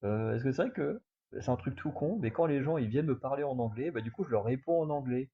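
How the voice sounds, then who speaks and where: A man's voice: mid-range voice, fast, slightly rough, narrow, tinny audio. A young man from France telling a casual vlog story, rambling with lots of fillers and restarts. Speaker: vlogger.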